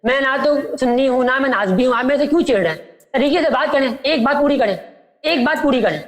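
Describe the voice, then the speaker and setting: A man's voice: very high-pitched, expressive. A man calling in to a religious debate who insists on being heard out. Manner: insistent, keeps asking to be heard out. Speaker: caller.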